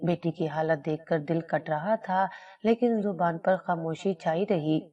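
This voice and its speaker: A woman reading a scripted story as narrator, in an even, measured way. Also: low-pitched, muffled recording.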